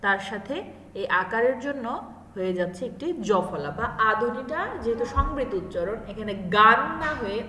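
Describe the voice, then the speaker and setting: A woman's voice: fairly high pitch, expressive, normal speed, a bit bright. A woman teacher giving a grammar lesson, explaining step by step and asking her students questions. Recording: echoey room with long reverb.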